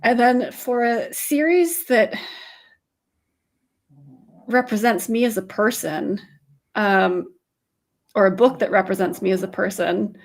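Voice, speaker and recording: A woman guest in a podcast interview, speaking thoughtfully and pausing often with fillers. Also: medium pitch, vocal fry. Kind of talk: casual interview chat.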